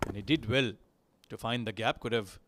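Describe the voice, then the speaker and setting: A man from Sri Lanka with a Sri Lankan accent, giving lively live cricket commentary that rises on big moments. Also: fairly low pitch, moderate pace.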